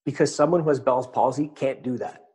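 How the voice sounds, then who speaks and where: A man's voice: mid-range voice, fairly quick, a little mellow, breathy edge. A man teaching a live webinar in a conversational way, demonstrating on an anatomy model as he explains. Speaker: webinar instructor.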